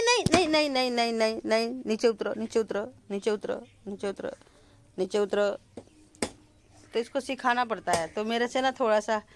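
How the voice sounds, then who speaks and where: A woman vlogger, chatting to viewers and coaxing a puppy in soft baby talk, with sudden sharp scolding calls. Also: on the high side, a little hiss or hum. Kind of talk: casual home vlog.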